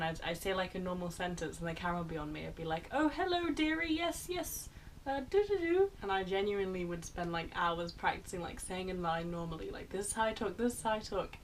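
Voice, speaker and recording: A woman's voice: fairly low pitch, far from the mic, slight background noise, low-quality recording. A young woman in a casual reaction vlog, chatty and self-mocking, often laughing. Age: young adult. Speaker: YouTuber reacting to her old film.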